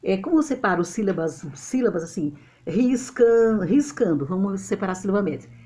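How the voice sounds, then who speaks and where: A Brazilian woman teaching a literature lesson to a camera, explaining step by step in an animated way and often checking that her students follow. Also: mid-range voice, a little fast. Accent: Brazilian Portuguese. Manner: animated and explanatory, checks understanding with tag questions. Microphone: camera mic.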